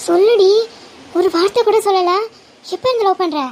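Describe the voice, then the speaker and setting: A woman's voice: extremely high pitch, fast talker, a little hiss or hum. A woman voicing a stern, angry mother scolding her daughter in a homemade cartoon. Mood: demanding. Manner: scolding, shouting. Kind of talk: homemade animated cartoon dialogue.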